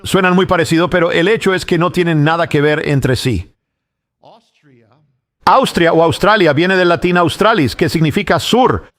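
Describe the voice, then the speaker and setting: A man giving a sermon as a Bible teacher, explaining and reasoning step by step in a measured way. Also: fairly high pitch, fairly bright tone.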